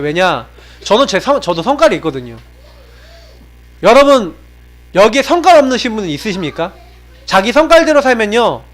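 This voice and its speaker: Lively high-voiced man preaching a sermon. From South Korea. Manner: lively, shifts from raised exhortation to low confiding tones; asks the congregation frequent rhetorical questions. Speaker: pastor. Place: church sanctuary.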